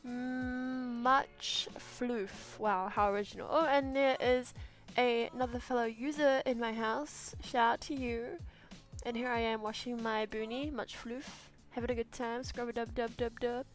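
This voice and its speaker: A woman's voice: fairly high pitch, steady tone, a little slow, faint music behind. A young woman chatting and giggling through casual let's-play commentary as a gaming host. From New Zealand.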